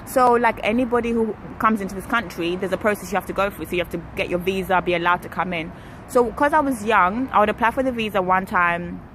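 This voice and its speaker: A young Kenyan vlogger tells her viewers a personal story to camera while waiting outdoors for a ride, with street traffic noise behind her. She talks fast at a medium pitch, chatty and animated, often correcting herself.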